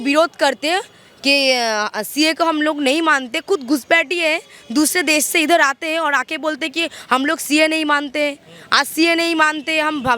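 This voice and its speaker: Woman from West Bengal, high voice, emphatic street interviewee, faint outdoor noise. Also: fairly bright tone. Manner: emphatic, repeats and restarts words.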